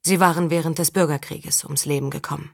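A woman reading a historical novel aloud in calm, even storytelling. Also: deep voice, a little fast, vocal fry, husky, no room sound, clean studio sound. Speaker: audiobook reader. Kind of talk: scripted narration.

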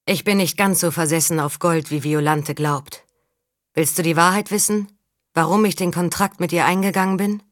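A woman's voice: on the low side, fairly even intonation, moderate pace, dry recording, studio quality, natural voice. A woman reading a world-weary male mercenary of about forty, blunt and sceptical. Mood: calm, frank. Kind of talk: audiobook character reading.

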